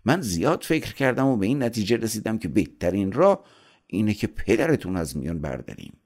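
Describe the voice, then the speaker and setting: A man voicing a flattering, scheming male devil who coaxes a prince in an audiobook story. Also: on the low side, pitched above the performer's own voice. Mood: wheedling. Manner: smooth, wheedling, coaxing.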